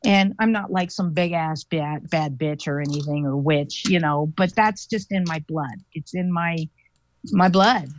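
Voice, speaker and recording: A woman, a guest paranormal investigator, telling a story in an animated, chatty way with lots of fillers. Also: low-pitched, unhurried. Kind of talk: casual storytelling interview. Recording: dull lo-fi dry audio.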